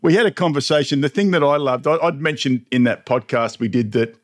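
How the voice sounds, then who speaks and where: A man's voice: medium pitch, brisk, no room sound, clean studio sound. A middle-aged man hosting a podcast in a laid-back, chummy way. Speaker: podcast host. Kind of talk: casual podcast chat.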